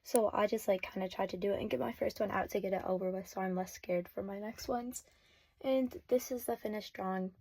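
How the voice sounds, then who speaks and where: Teen girl, casual voice-over, mellow tone, halting and filler-heavy, no real mic. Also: medium pitch, fairly even intonation, breathy edge. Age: teens. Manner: hesitant, many fillers like "like" and "um". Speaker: vlogger. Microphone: no external mic.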